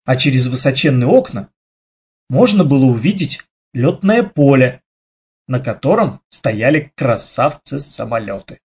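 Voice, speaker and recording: A man narrating a children's story aloud with lively, dramatic storytelling. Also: medium pitch, unhurried, breathy edge. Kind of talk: expressive children's audiobook reading.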